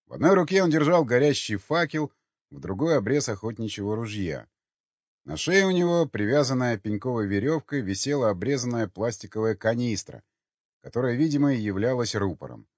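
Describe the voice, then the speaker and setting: A man narrating an audiobook with lively storytelling. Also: medium pitch, a little fast, no room sound. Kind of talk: scripted narration. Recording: dull lo-fi dry recording.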